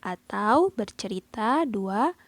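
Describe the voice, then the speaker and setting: Slow, deliberate woman teacher. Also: medium pitch, animated. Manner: explains each point then repeats it in a second language. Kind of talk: classroom lesson explanation.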